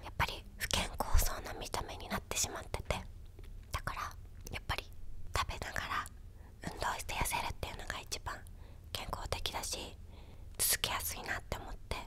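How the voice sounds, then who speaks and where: A young woman chatting casually in a soft, breathy ASMR whisper, close to a desktop microphone in a small room. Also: fairly quick. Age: young adult. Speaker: ASMR video creator. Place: small quiet indoor room with a bed or sofa. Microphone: desktop condenser microphone, close up.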